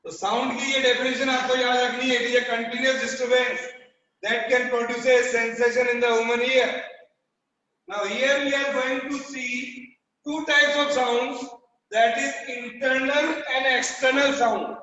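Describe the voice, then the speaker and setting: A male school teacher with an Indian accent dictating a lesson to children, slowly and repetitively, in a classroom. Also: extremely high pitch, level tone, sharp tone, muffled recording, a little hiss or hum. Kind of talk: classroom lesson, mixing Hindi and English. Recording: echoey classroom, far from mic.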